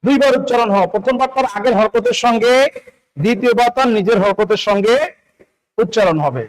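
A man's voice: extremely high pitch, brisk, low-quality recording. A man from Bangladesh teaching Quran recitation step by step, patiently repeating syllables, asking questions and chanting the words drawn out. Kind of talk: spelling-out recitation lesson.

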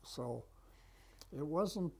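An American man in his nineties with an aged voice, recounting memories conversationally and haltingly, with long pauses. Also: on the high side, expressive, creaky, slightly rough. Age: 90s. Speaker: war veteran being interviewed. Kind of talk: conversational reminiscence. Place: small office, indoors. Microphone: lapel mic.

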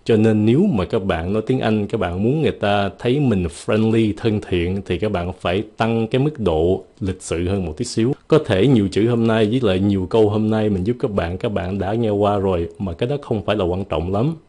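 A young man from Vietnam gives a relaxed video lesson on polite English. His voice sits low and sounds mellow and warm. He talks playfully and models phrases with varied intonation. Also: a little fast, few pauses. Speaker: English teacher.

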